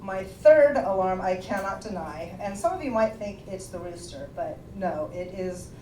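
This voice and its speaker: A woman comedian telling stand-up stories on a small club stage in an animated way, laughing through her lines. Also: mid-range voice, normal speed, a little hiss or hum. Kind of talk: stand-up storytelling. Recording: roomy club sound from a distance, audience laughter.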